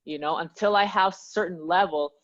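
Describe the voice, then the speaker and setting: Guest: Peruvian-born woman, low voice, friendly and chatty, muffled lo-fi audio. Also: normal speed. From Peru. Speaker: guest, language teacher. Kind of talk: casual interview chat.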